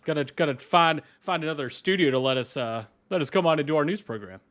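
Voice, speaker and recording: A man's voice: a little high, expressive, quick pace, a bit bright. A man playing an eager jobless male news anchor who talks earnestly and stumbles over his words in an improvised comedy bit. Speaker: comedy podcast co-host.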